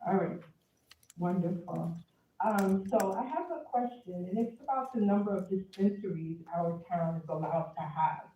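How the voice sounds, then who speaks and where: A woman's voice: fairly low pitch, animated, normal speed, dark tone, recorded from a distance, a little hiss or hum. A woman calling into a town council meeting to ask a question, hesitating with many ums. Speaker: caller. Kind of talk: public comment by remote call. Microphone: remote call. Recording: tinny phone line played into an echoey room.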